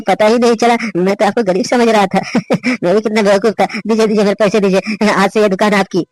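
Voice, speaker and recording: A man's voice: high voice, steady tone, a little fast, no echo, lightly acted, rough recording. A man voicing a tired young nut seller in a cartoon, complaining and exasperated. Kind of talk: Hindi cartoon voice acting.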